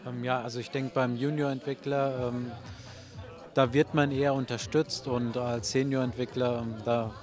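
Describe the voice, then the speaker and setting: A man in his late thirties from northern Germany speaks in a flat, even voice. His answers are brief and hesitant, full of pauses. A faint crowd murmurs behind him outdoors. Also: medium pitch, soft background music. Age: 30s. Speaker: software developer. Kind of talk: casual interview answers. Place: outdoors at a summer party.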